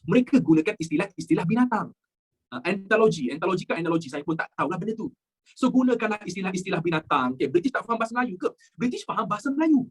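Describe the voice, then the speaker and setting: Woman, Malaysian accent, history teacher, exam practice, husky voice, lively and quizzing. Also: a little high. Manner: lively, quizzing, drops English words into her talk.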